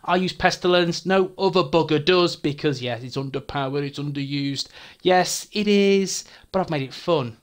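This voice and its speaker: A young man hosts a gaming video, running through gear stats in an eager, chatty way. He swears casually and trips over his words in his excitement. His voice sits a little higher than most men's. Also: moderate pace. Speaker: gaming YouTuber. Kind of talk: game build walkthrough.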